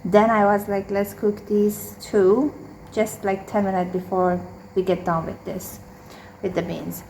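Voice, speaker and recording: Filmed at home with traffic clearly audible through open kitchen windows, this casual daily cooking vlog has a rough sound. The vlogger's hoarse, slightly mellow, mid-pitched voice is flat, slow and unhurried, full of hesitant pauses and fillers.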